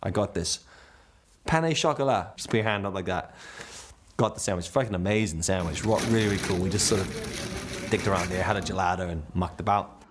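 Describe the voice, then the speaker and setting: A man's voice: deep voice, fairly even intonation, fairly quick, slight background noise. A young man telling travel stories casually, swearing freely and chuckling as he goes. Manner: laid-back, swears freely, chuckles through anecdotes. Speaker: travel vlogger.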